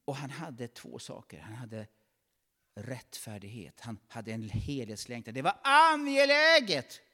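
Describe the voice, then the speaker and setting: A man's voice: lowish voice, fairly even intonation, breathy edge. A man preaching a fervent sermon in a church, calling out praises between his points. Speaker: pastor.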